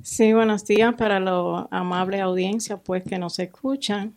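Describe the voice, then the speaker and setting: A woman's voice: medium pitch, steady tone, a little slow. A woman from the Dominican Republic with a Dominican accent, answering interview questions formally and hesitantly, with many fillers. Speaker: guest, community worker.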